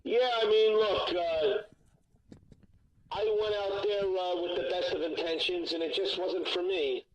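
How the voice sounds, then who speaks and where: Guy phoning in on speakerphone, kinda high voice, muffled lo-fi line, blunt and frank. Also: steady tone, measured pace. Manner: blunt and candid, with frequent restarts. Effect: heard over a speakerphone line. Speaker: guest musician. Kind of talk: candid phone-in interview. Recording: dull lo-fi phone line.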